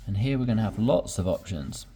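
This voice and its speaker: A man teaching English slowly explains sentence patterns, patiently repeating examples. His voice is on the low side, mellow and animated.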